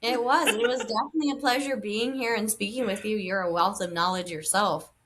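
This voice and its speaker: A woman who works as a spinal flow practitioner, a guest on a podcast, chatting easily and agreeing warmly over a video call. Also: medium pitch, fairly even intonation, fairly quick. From Tucson, Arizona. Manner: easygoing, affirming. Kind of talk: casual video-call chat.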